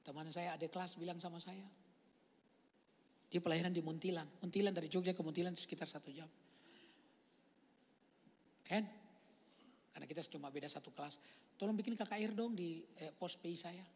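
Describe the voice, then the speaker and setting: A male pastor preaching a lively storytelling sermon, swinging from loud outbursts to hushed near-whispers and acting out the voices he quotes. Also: high-pitched, a little fast, pauses often, slightly rough. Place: church hall. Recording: long reverb of a large church hall.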